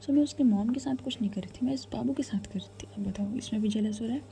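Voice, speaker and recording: A woman's voice: fairly high pitch, fast, creaky, warm tone, slight background noise. A woman voicing a tender young woman who coaxes and pleads with her partner, in a whispered role-play. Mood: coaxing. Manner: coaxing, pleading.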